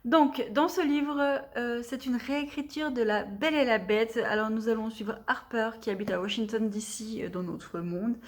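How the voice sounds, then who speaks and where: A young woman chatting to camera at home as a book vlogger, enthusiastic and talkative, often dropping to a soft half-whisper. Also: on the high side, moderate pace, few pauses. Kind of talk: casual chat to camera. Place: at home with her cat.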